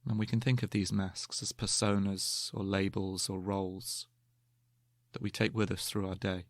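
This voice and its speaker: A man guides a meditation in a low, even voice that creaks at the edges. He's calm, gentle, and measured, setting down each instruction with care and leaving long pauses between phrases. The recording is dry and close, with very little room sound.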